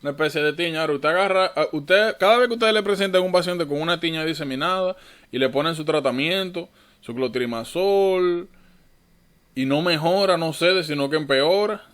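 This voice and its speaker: A man's voice: a little high, brisk, fairly bright tone. A man tutoring medical students in an online lecture, informal and thinking aloud, often correcting himself.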